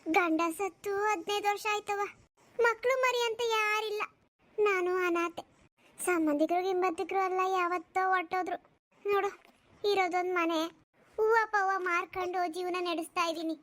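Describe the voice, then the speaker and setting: A woman's voice: very high-pitched, steady tone, moderate pace, a bit bright. A woman voicing a kindly, lonely old village grandmother in a cartoon, talking in a rustic, motherly, consoling way. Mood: weary. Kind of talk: cartoon voice acting.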